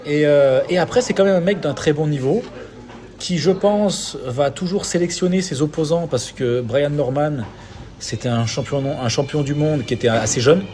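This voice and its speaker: A man's voice: fairly high pitch, moderate pace, darkish tone. A man with a French accent talking boxing in a casual podcast chat, hesitant, restarting his sentences with fillers. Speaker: podcast co-host.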